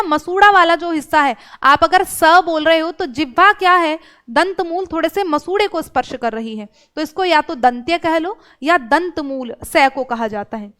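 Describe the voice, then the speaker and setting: A woman's voice: very high voice, bright, forceful tone. A woman teacher explaining grammar step by step, asking questions and answering them herself. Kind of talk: exam-prep grammar lesson.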